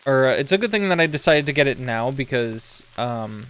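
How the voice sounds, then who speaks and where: A man's voice: mid-range voice, brisk, clear, resonant tone. Rambling man streaming a game. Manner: rambling, full of "like" and restarts; gets loud and excited in bursts. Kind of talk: casual live-stream chatter while gaming. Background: game music.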